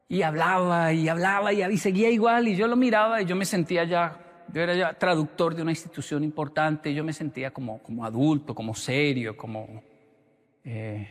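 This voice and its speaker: A man giving a storytelling sermon, animated and acting out the voices of the people in his story. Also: on the high side, big-room sound. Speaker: motivational speaker.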